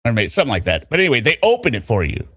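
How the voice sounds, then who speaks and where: A man's voice: medium pitch, huge pitch swings, very fast, a bit bright, breathy edge, dry recording, studio quality. A man giving casual, blunt trial commentary with sarcastic jokes.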